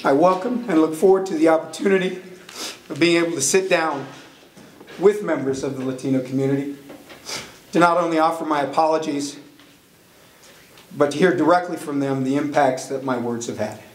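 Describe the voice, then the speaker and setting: A man's voice: on the high side, fairly quick, pauses often. A man reading a prepared public apology as a police detective, tearful and ashamed. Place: press conference room. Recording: echoey room, faint noise.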